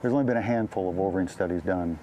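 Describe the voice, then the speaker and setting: A man's voice: low voice, racing, mellow, a little hiss or hum, low-quality recording. A man, a field biologist speaking off the cuff in a documentary interview.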